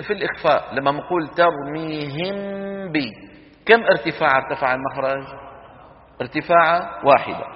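A middle-aged man teaching Quran recitation to a class, firing questions at the students and demonstrating sounds aloud. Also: fairly high pitch. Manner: asks students quick questions and answers them himself, demonstrating sounds aloud. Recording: dull lecture hall recording with long reverb.

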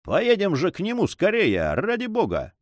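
A man's voice: high voice, huge pitch swings, normal speed, no echo, pitched above the performer's own voice. A man doing a hot-headed young nobleman. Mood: eager.

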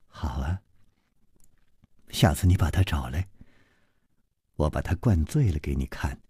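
A man voicing a coy, husky young woman. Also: very deep voice, animated, unhurried, dry recording, studio quality, voice pushed down, heavily acted. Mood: teasing. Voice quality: soft, husky and hushed, often near a whisper. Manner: teasing, coy.

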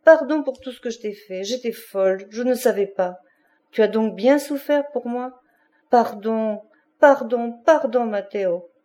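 A woman's voice: on the high side, expressive, moderate pace, dark tone, lightly acted. A woman reading an audiobook, voicing a fiery and capricious young woman who swings from defiance to pleading.

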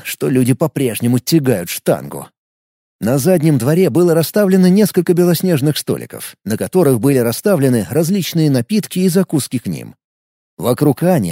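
A man's voice: a little high, dark tone, no echo, studio quality. A man narrating an audiobook in first person, with an ironic storytelling manner.

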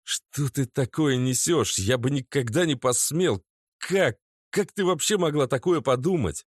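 A man's voice: fairly low pitch, moderate pace, no echo, studio quality, natural voice. A man voicing a nervous young boyfriend who earnestly pleads to be believed. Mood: pleading.

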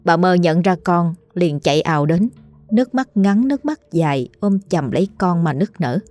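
A woman storyteller reading a ghost story in a steady, solemn scripted narration. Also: fairly low pitch, moderate pace, soft background music.

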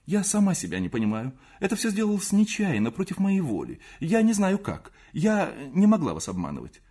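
A man's voice: a little high, huge pitch swings, quick pace, a little mellow, husky, pitched above the performer's own voice, heavily acted. A man voicing a timid, torn young woman in an audiobook reading, raising his voice to a faltering, pleading tone. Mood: imploring.

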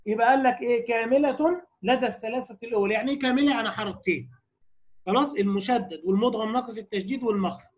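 A man with an Egyptian Arabic accent teaching a lecture on Quran recitation rules, explaining briskly and keeping the class engaged with rhetorical questions. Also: very high-pitched, dull audio. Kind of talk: tajweed lecture.

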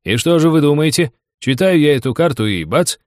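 A man's voice: medium pitch, animated, moderate pace, dry recording, clean studio sound, voice pushed up, natural voice. A man voicing a talkative, hungover male gamer buddy who gripes about money, in an audiobook. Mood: storytelling.

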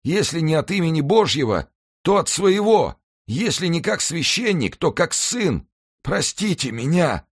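Man voicing a dying executioner, shrill with terror. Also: moderate pace, gravelly. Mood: begging. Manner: pleading, anguished, breathless. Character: dying, terrified male executioner begging absolution.

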